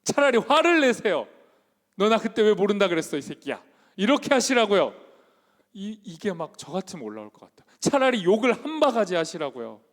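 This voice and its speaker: A man's voice: high voice, very animated, brisk, fairly bright tone, pitched above the performer's own voice. A man preaching acts out the inner grumbling of a resentful fisherman disciple, sulky and then exasperated, in a long church hall reverb. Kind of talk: acted quote in a sermon.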